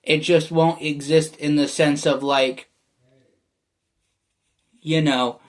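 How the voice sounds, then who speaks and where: This young American vlogger, whose accent people often hear as Canadian, speaks with a slightly raised pitch in a steady tone, taking it slowly. His loose, rambling monologue wanders, full of fillers, restarts and little chuckles.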